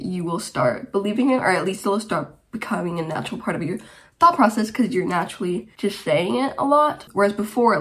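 A nineteen-year-old woman from Romania hosting her own podcast, chatting casually and rambling with lots of "like" and asides. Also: mid-range voice. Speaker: podcast host. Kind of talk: casual solo podcast chat.

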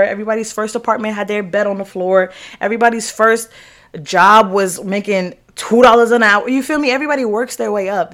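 A young adult American woman hosts a podcast, delivering a casual motivational monologue in a medium-pitched voice. She's candid and emphatic, using slang, swearing, and repeated phrases.

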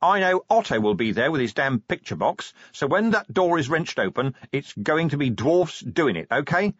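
A man voicing a weary male watch commander who speaks curtly and sardonically, his voice raised and lively. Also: a little high, husky, no room sound, pitched above the performer's own voice. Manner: curt, sardonic, brisk. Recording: dry, slightly dull audiobook sound.

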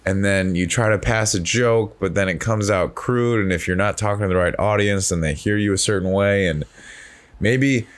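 A man's voice: on the low side, moderate pace. A man hosting a podcast, talking in a rambling, reflective way with many restarts. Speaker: podcast host. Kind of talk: casual chat.

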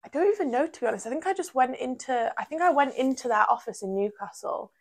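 A young woman in her early twenties chats as a podcast guest in a North East English accent from Durham. Her voice has noticeable vocal fry. She talks informally and peppers her sentences with "like". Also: high-pitched, lively intonation, fast. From Durham, England. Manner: chatty, uses "like" constantly. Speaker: podcast guest, part-time model. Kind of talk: casual chat interview.

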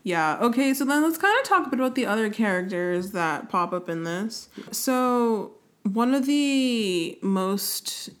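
A woman co-hosting a casual chat about a film, relaxed and rambling, with lots of fillers. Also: on the high side, measured pace, hardly any pauses.

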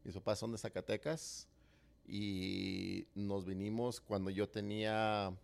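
A man's voice: on the low side, level tone, slow, creaky. A man in his thirties, born in Mexico, chatting casually on a podcast with many fillers and hesitations. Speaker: podcast co-host. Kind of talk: casual conversation.

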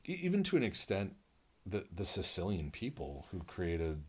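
A North American man co-hosting a podcast talks in a casual, enthusiastic, rambling way with heavy filler use. His voice sits low with wildly swooping pitch and a breathy edge, at normal speed.

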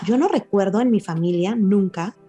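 A woman hosting a casual conversation about parenting, expressive and animated as she recalls family scenes. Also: medium pitch, normal speed, husky, dull audio, soft background music. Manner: expressive, acts out relatives' scolding voices. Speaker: host.

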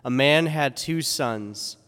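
Preacher, male, mid pitch, casual homily, cathedral echo on the voice. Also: slow, fairly bright tone, clean tone. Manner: conversational, with rhetorical questions. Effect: cathedral-like church echo. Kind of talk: gospel reading and homily. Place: large church. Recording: long reverb in a large church.

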